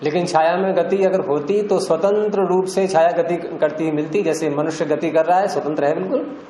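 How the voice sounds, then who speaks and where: An older male lecturer covers Indian philosophy and grammar step by step, questioning students through long explanations. His voice is on the high side, dark and steady in tone. Faint background noise and echo fill the classroom.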